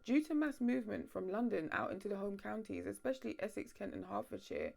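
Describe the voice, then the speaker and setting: Woman video essay narrator, gravelly fry, wry sardonic delivery, mid pitch. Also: a little mellow. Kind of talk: scripted narration.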